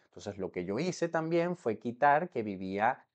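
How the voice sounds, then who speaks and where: A man's voice: medium pitch, big pitch swings, normal speed. A young man from Venezuela explaining to camera how he moved abroad, in a chatty way that keeps checking in with the viewer. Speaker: vlogger.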